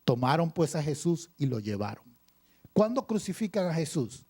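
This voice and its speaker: High-voiced preaching pastor. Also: male voice, sing-song, a little mellow, husky. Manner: preaching with dramatic pauses and repetition. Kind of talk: sermon.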